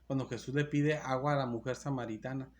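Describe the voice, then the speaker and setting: Male pastor, mid-pitched, reads verses and explains them with stumbles and self-corrections, faint background noise. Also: steady tone. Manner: explains slowly, often restarting and correcting himself; reads Bible verses aloud and comments on them. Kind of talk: sermon. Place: church.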